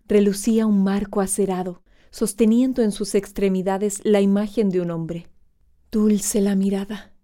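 A woman reading a literary story aloud in a measured, gentle audiobook narration. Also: mid-range voice.

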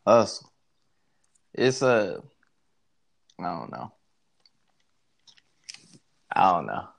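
A man's voice: sits low, sing-song, drawn-out words, gravelly. Young man in laid-back, joking bro talk. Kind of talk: casual joking chat.

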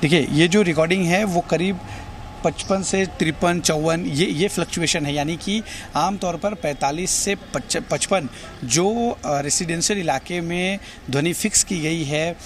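Out on busy city streets with traffic noise, a male field reporter for television news talks to viewers in a fairly high voice, a little slowly. He explains what's happening and points things out on location.

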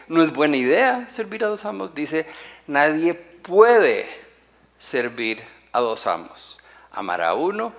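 A male pastor delivers a sermon in a lively voice whose pitch swings widely. He hammers his points by repeating and slowing key phrases. He keeps putting rhetorical questions to the congregation. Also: vocal fry.

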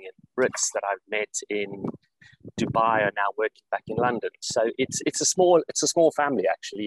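A man from South Africa, an executive director, explains his work in an interview over a video call, talking in a measured way with many fillers and restarts. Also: fairly low pitch, a bit bright, slight background noise, poor audio. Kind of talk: interview conversation. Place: Saudi Arabia, remote call.

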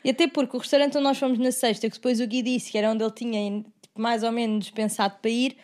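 A young woman, telling stories in a casual, animated, slangy podcast chat and acting out quoted remarks. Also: fairly high pitch, fast. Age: young adult. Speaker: podcast co-host.

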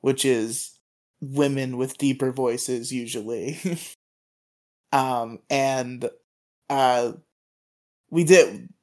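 A man's voice: medium pitch, very slow, pauses often. A man co-hosting a podcast, telling long rambling stories in casual chat and stammering often. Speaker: podcast co-host.

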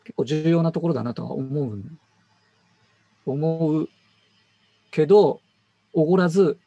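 A man's voice: on the high side, a little slow, gravelly, warm tone, no room sound, dull audio. A man who works as a designer, talking casually about his work and thinking aloud with fillers and self-corrections.

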